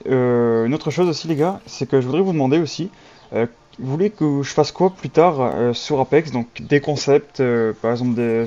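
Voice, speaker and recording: A man gives a casual gaming video intro in a mellow, dark voice. He talks informally and hesitantly to viewers, and the sound is a bit dull. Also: mid-range voice. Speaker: gaming channel host. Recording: slightly dull, muffled sound.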